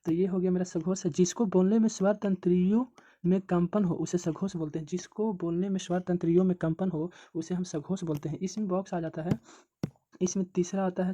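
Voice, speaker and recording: A woman's voice: lowish voice, dark tone, slightly rough. Woman teaching, drilling syllables aloud. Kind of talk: exam coaching lesson.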